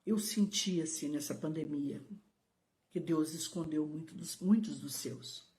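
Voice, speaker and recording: Emphatic Brazilian woman pastor preaching. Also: darkish tone. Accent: Brazilian Portuguese. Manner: emphatic, rising to high exclamations and addressing viewers by name. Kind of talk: live-streamed sermon.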